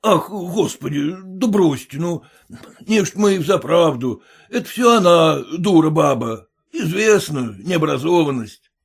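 A fussy, blustering merchant, as a male reader puts him on, his husky voice jumping high and loud. He barks orders and grovels by turns in an audiobook story. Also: expressive, measured pace, full character voice. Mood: fawning. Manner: shouting, blustering, fawning.

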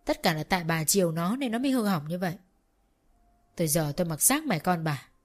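A woman voicing an angry old father-in-law who shouts harsh scolding at his son. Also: fairly low pitch, lively intonation, fairly quick. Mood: furious.

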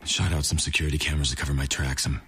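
A man playing a trapped FBI negotiator, speaking softly, anxious and stammering. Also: a bass voice, steady tone, racing, slight background noise. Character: hunted male FBI hostage negotiator.

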